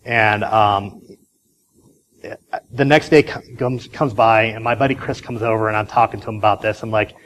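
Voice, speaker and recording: A man's voice: fairly low pitch, steady tone, normal speed, a bit bright, slight background noise, poor audio. A man giving a casual conference talk, telling a story in a chatty way with many fillers and restarts. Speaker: conference speaker.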